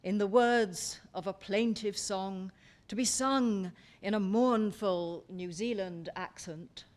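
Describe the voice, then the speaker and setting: Woman, co-reader, scripted narration, middle pitch, steady delivery. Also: slow. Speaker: co-reader of the book's passages.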